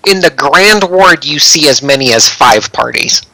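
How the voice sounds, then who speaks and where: Bright-voiced man running a tabletop game. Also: medium pitch, moderate pace, creaky, no echo, low-quality recording. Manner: relaxed, conversational narration with fillers. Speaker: dungeon master.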